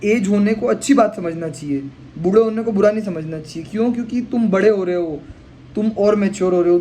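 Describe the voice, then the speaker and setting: A man's voice: high voice, warm tone, poor audio. Young man musing over street noise. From India. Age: 20s. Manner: musing, conversational, mixes in English words. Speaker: vlogger. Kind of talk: casual reflective monologue.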